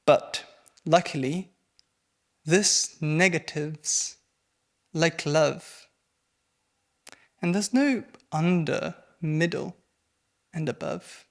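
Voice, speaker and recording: Very slow, deliberate young man reading poetry. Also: a little high. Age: young adult. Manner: very slow, deliberate reading that trails off to near silence. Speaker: postgraduate student reading a poem. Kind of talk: poetry recitation.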